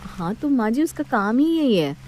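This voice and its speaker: A woman's voice: a little high, big pitch swings, normal speed, a little mellow, voice pushed up. A woman doing a firm young mother. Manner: firm, earnest pleading.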